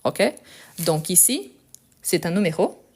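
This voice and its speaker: A woman's voice: lowish voice, big pitch swings, a little slow, darkish tone, breathy edge. A woman teaching a live online French lesson, explaining sounds patiently and checking in with her viewers. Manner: explanatory, repeats key points with "ok?" checks.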